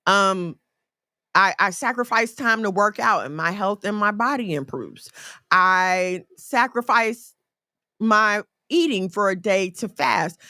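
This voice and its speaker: Woman, forties, chatty faith talk with folksy asides; bright tone, dry close sound. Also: mid-range voice, slow, no room sound. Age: 40s. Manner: conversational, folksy, animated storytelling with asides.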